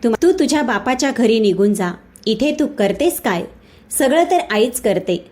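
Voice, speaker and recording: A harsh, scolding young husband shouts his accusations, read out by a woman storyteller. The voice sits a little high and stays close to her own everyday reading voice. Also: expressive, moderate pace, lightly acted. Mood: angry scolding.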